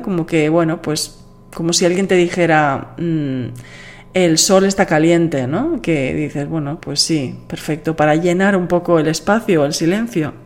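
A woman's voice: fairly low pitch, a little mellow. A tired woman hosting a solo podcast, talking casually to her listener and acting out other people's replies. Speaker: podcast host.

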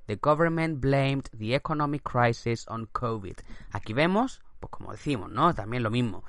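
Man, English teacher, slow careful example sentences, close dry recording. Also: lowish voice, no room sound. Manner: reads example sentences slowly and clearly, then repeats them; often ends points with "¿no?" and "¿vale?". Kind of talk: language lesson.

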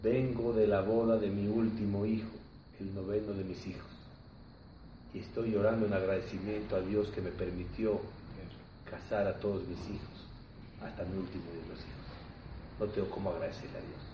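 A man voicing a grateful, weeping elderly father in a story. He speaks softly and hushed, as if deeply moved. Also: level tone, normal speed, background noise, lightly acted. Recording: roomy, distant, dull hall recording.

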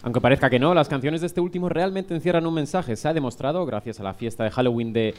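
A man's voice: mid-range voice, fast talker. A man reading a comic news story aloud, stumbling over words and laughing at his own slips. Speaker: comedy news contributor.

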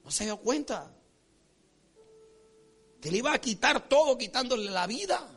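A man preaching a sermon as pastor, folksy and animated, acting out characters and checking in with his congregation. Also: very high-pitched, measured pace, breathy edge. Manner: repeats rhetorical check-ins with the congregation.

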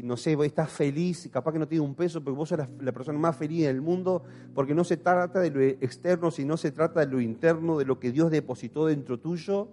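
A man in his thirties with an Argentine Spanish accent preaches an impassioned sermon, putting questions to the congregation. He's a pastor, and his voice sits on the high side with a mellow quality.

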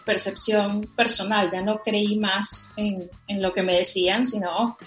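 Animated and eager, a young Venezuelan guest with a Venezuelan accent fills her casual podcast interview with lots of fillers. Her medium-pitched voice is unhurried, set against soft background music, and the recording quality is low.

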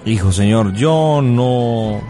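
A man playing a calm, formal doctor on a radio prank call, speaking politely and with measured care. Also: lowish voice, faint music behind. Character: calm formal male doctor giving news.

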